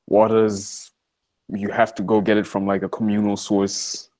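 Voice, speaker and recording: An eighteen-year-old college student from Malawi speaks in a lowish, unhurried voice as an interview guest, joining by video call from a library study room. His manner is relaxed and conversational, sprinkled with plenty of "like" and "you know."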